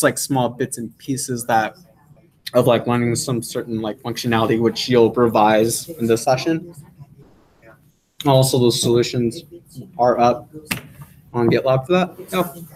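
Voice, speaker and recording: A man's voice: medium pitch, low-quality recording. A young man teaching a coding class, talking casually with lots of fillers and repeated "yeah"s. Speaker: course instructor.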